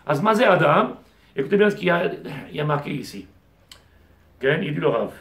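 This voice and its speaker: A man's voice: fairly high pitch, lively intonation, brisk, vocal fry, a bit bright. A man, a rabbi, giving a Torah class to a small audience, digressive, firing rhetorical questions at the class and mixing in Hebrew terms. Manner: mixes Hebrew terms into French. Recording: echoey room.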